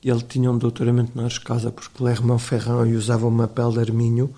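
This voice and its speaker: A man's voice: mid-range voice, completely flat delivery, fast talker, warm tone. An older man with a European Portuguese accent, a historian telling rambling anecdotes in an interview, with frequent hesitations and restarts. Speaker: historian guest. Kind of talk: conversational interview storytelling.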